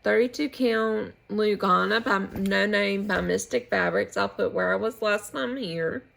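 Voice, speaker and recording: A woman from the United States talks casually through her projects at home, in slow, unhurried speech. Her voice has a gravelly fry, and she meanders with pauses and restarts as she goes. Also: mid-range voice, fairly bright tone. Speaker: flosstube host. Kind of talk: casual show-and-tell chat.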